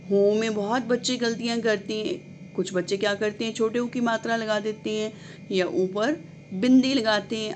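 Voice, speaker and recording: A woman teaching a children's lesson, reading words slowly syllable by syllable and addressing the children kindly, asking and answering her own questions. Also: medium pitch, slight background noise. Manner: drawn-out syllable-by-syllable word reading.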